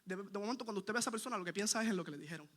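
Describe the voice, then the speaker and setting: A man preaches a sermon at a very fast clip, his voice high, bright and forceful. Earnest and emphatic, he repeats his points to drive them home and addresses listeners with direct questions.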